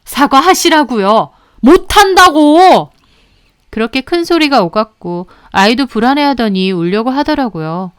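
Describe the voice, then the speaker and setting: A woman narrating a first-person story in a clear, even storytelling manner. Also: fairly high pitch, moderate pace, few pauses, no room sound, studio quality.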